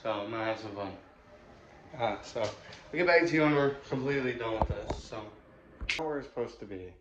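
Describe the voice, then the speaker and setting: A man's voice: medium pitch, fairly quick, fairly bright tone, echoey room. A young man giving a casual room tour vlog, rambling with many fillers, filmed on a phone in a small bedroom. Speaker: vlogger. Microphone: phone camera. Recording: dull lo-fi phone audio with faint hiss.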